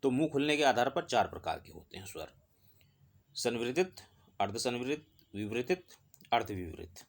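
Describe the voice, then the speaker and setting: A man's voice: mid-range voice, very animated, normal speed, vocal fry. A man teaching an exam-prep class, explaining step by step, asking questions and then answering them himself. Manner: explanatory, asks and answers his own questions.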